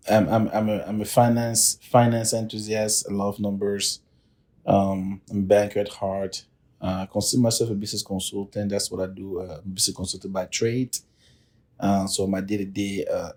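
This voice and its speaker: Mellow-voiced man. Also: sits low. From Cameroon. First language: French. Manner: steady, measured talk with repeated false starts. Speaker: podcast co-host, business consultant. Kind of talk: casual podcast chat.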